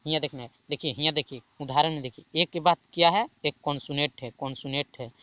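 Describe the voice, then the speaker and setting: A man with a Bihari Hindi accent teaching a spoken English lesson, slowly repeating each rule and asking if it is understood. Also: on the high side, steady tone, sharp tone, no echo, highs cut off. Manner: slow, repeats rules and checks understanding.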